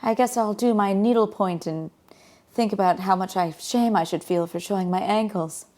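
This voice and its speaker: A woman putting on the voice of a prim, old-fashioned high-society lady in a mock-posh manner. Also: normal speed, darkish tone, natural voice.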